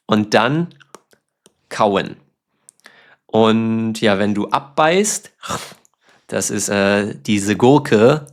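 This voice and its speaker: A man from Germany hosting a language podcast, explaining words patiently with simple examples. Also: fairly low pitch. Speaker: German teacher, podcast host. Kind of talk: slow, clear teaching talk.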